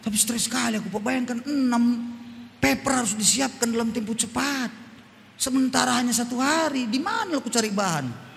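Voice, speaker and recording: A fretful, complaining young woman student, as a preacher puts her on for his congregation. The voice is bright and high, and it carries a long reverb from a church hall. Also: fairly quick, gravelly, slight background noise, heavily acted. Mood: stressed. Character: stressed young woman university student, the pastor's daughter.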